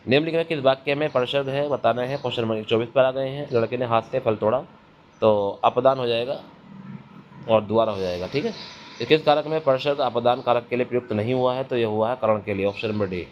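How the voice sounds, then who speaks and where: A brisk, mid-range male voice delivers a grammar lesson aimed at exam preparation. He fields his own questions and repeats the key terms, heard through a dull, slightly noisy lo-fi recording.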